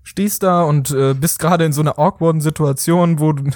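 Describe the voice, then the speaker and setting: A man's voice: on the high side, steady tone, fairly quick, darkish tone, dry recording, clean studio sound. A man co-hosting a podcast in casual chat, animatedly setting up and directing an improvised scene. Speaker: podcast co-host.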